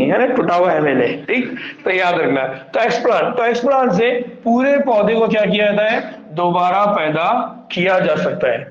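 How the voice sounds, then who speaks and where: A high-pitched man teaches a biology class. He keeps asking rhetorical questions and answering them himself, slipping English terms into his lesson. The recording is dull and lo-fi, in a roomy, echoing space. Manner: mixes English terms into explanations. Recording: echoey room, dull lo-fi sound.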